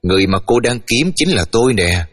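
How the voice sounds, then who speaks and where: A man's voice: medium pitch, lively intonation, brisk, a bit bright. A man voicing a determined young woman traveler in a story reading, speaking in a firm, insistent way. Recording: reverberant room, faint music.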